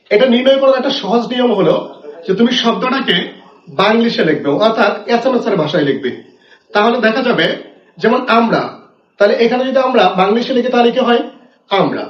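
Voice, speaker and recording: A male teacher giving a casual grammar lesson. He speaks directly to his students, asks questions and answers them himself. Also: very high-pitched. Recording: echoey room, dull lo-fi sound.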